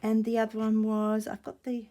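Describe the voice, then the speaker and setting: A woman with a slightly croaky voice, talking softly and rambling in a casual show-and-tell vlog from a small room at home, often dropping to near-whispers. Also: on the high side, completely flat delivery, normal speed. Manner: soft-spoken, rambling, drifts into near-whispers. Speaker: vlogger showing vintage finds. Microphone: camera or tablet on a desk.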